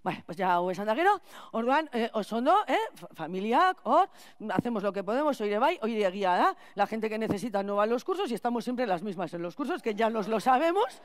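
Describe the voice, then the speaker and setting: A woman playing a scatterbrained, chatty school cleaner in a clown stage monologue, rambling with restarts and loud outbursts. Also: fairly high pitch, very animated, brisk, dry recording. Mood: exasperated rambling. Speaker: clown performer.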